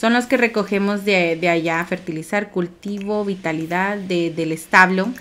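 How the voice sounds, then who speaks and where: Woman doing let's play commentary, rambly and chatty, squeals when something's cute, mid-pitched voice. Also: normal speed, a bit bright. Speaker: game streamer.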